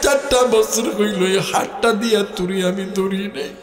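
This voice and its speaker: A man's voice: high voice, steady tone, normal speed, close to an everyday voice. A man voicing a grieving adult son who searches for his dead mother, pleading in a wailing, sung voice. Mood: wailing grief. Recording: echoey hall with faint music.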